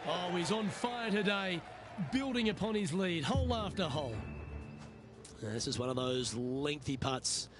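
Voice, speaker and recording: An actor playing a golf commentator in a video game, calling play in short, measured remarks. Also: male voice, high voice, animated, music in the background. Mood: composed, admiring. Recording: clear outdoor background noise.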